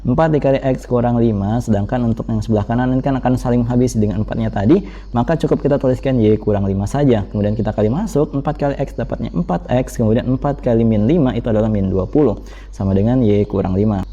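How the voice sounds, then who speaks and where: A man, explaining olympiad math problems step by step as a tutor, in a brisk manner with frequent fillers. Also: medium pitch, mellow. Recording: dull lo-fi voice recording.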